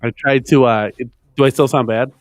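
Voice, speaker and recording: Male streamer, mid-pitched, voice gurgling as if underwater through a bad mic, dry close sound. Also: steady tone, a little fast, dry recording. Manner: testing his mic and apologizing. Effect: garbled underwater-sounding mic. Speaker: guest streamer. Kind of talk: casual livestream chat.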